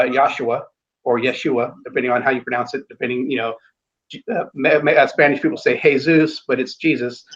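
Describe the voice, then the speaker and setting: A man talking in a casual conversation, rambling with many restarts and fillers and blunt, casual swearing. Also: mid-range voice. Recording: dull lo-fi audio.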